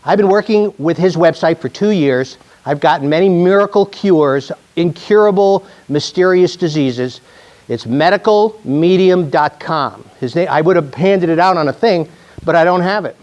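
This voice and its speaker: A chiropractor in his sixties, speaking with a fairly high, slightly mellow voice at normal speed, gives a joking, chatty talk to a live audience. He mocks himself and keeps restarting his sentences, and the recording sounds muffled.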